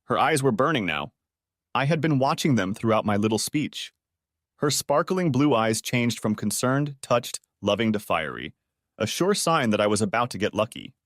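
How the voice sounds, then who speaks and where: A man's voice: mid-range voice, big pitch swings, normal speed, no echo, clean studio sound. Earnest man narrating a story. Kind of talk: first-person audiobook narration.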